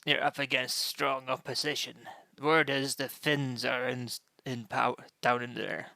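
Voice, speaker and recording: A man running a tabletop game as game master, improvising in a halting way. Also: mid-range voice, level tone, gravelly, bright, forceful tone, no echo.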